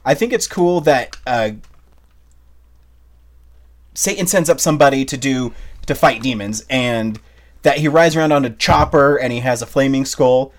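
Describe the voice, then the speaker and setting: A man's voice: mid-range voice, moderate pace, long pauses. A man co-hosting a podcast, chatting casually about movies in a rambling, hesitant way with many restarts. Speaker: podcast co-host.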